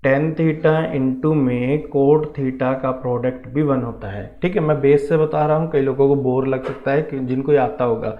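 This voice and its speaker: A man's voice: medium pitch, fairly even intonation, moderate pace, hardly any pauses. A man with an Indian accent teaching an online math lesson for defence entrance exams, explaining steadily and checking often that students follow. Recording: tinny phone-like audio with room echo.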